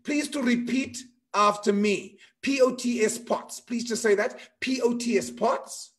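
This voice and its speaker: High-voiced playful coach on a video call. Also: male voice, a little slow. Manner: playful, animated, repeats phrases. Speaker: guest speaker coach. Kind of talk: interactive online workshop talk.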